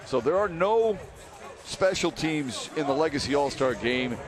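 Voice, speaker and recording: A man's voice: a little high, crowd noise. Man calling football play-by-play. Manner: measured, rising to excited calls on big plays. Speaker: play-by-play announcer. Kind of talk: live football play-by-play commentary.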